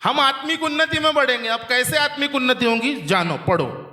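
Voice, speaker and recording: A man's voice: extremely high pitch, animated, a little fast, sharp tone, reverberant. A man preaching a sermon to his church, quizzing the congregation and having them repeat lines back. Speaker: pastor. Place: church hall. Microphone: handheld microphone.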